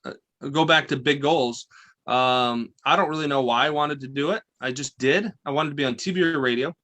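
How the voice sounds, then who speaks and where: A man in his forties, a guest financial advisor, chatting in an interview with intense, animated storytelling and frequent restarts. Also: a little high, normal speed. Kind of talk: casual interview chat.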